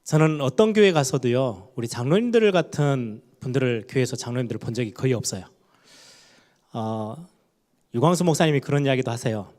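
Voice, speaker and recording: A man in his forties, a pastor delivering a conversational sermon with frequent fillers and drawn-out words for emphasis. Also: medium pitch, lively intonation, darkish tone. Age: 40s. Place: church sanctuary.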